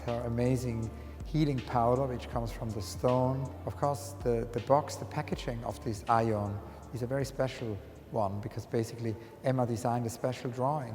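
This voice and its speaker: A man from Switzerland speaking earnestly in a documentary interview, often pausing and restarting to find his words. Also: mid-range voice, darkish tone. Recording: long hall reverb, faint music.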